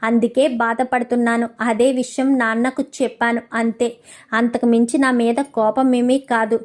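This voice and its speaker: A woman's voice: a little high, level tone, normal speed, pitched below the performer's own voice, lightly acted. A woman voicing a devoted young wife who insists and explains to her husband and father. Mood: insistent.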